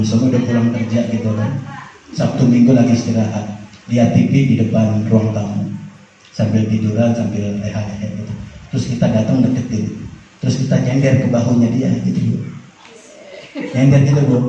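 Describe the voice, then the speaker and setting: A man preaching a sermon on parenting to mothers, speaking in an animated way, his pitch swinging between high and low as he addresses the audience. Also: slight background noise. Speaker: Islamic preacher. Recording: echoey, distant, dull lo-fi hall recording.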